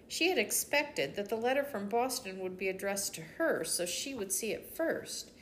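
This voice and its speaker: An older woman, a grandmother, reading a children's chapter book aloud with gentle, expressive storytelling. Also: mid-range voice, slight background noise. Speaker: storybook reader.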